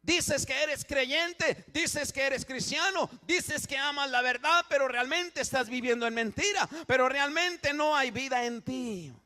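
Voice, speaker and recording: A pastor delivers a sermon in church with an extremely high-pitched voice, unhurried and with few pauses. He swings between hushed, quiet stretches and loud, emphatic ones, often repeating and restarting phrases.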